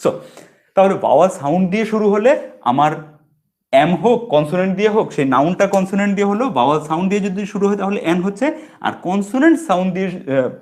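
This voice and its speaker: A man teaching an English grammar lesson in a relaxed, informal way, with a Bengali accent, patiently repeating example words and often checking in with "okay". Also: high voice, fast.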